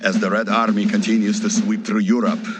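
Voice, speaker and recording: An actor voices a Soviet propaganda newsreader in a war game. His fairly low voice delivers a fervent scripted bulletin, with loud drums and music behind. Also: little pitch movement, fairly quick, natural voice. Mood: triumphant.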